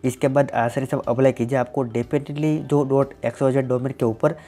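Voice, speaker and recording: A tech channel host from Gujarat, India, whose first language is Gujarati, answers viewer questions in a plain, explanatory style, repeatedly saying "definitely" and "simply." His mid-range voice is mellow and steady, moving a little fast.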